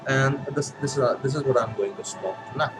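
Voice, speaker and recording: A man with an Indian accent chatting casually as a vlog host, in a halting, hesitant way with pauses and repeats. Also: medium pitch, music in the background, low-quality recording. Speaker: video host, pipe and cigar hobbyist.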